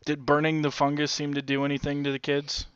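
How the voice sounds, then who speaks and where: A man with a slightly raised voice plays a tabletop game and keeps throwing out quick jokes. His delivery is dry and casual. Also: on the high side, monotone, a bit bright, smooth, dull audio. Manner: joking, wisecracking. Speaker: player.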